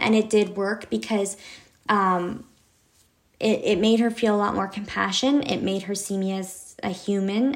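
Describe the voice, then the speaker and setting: A woman's voice: mid-range voice, fairly bright tone. Candid mother talking on a vlog. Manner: candid and reflective, with fillers and restarts. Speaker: mother and vlogger. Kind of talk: casual personal vlog talk.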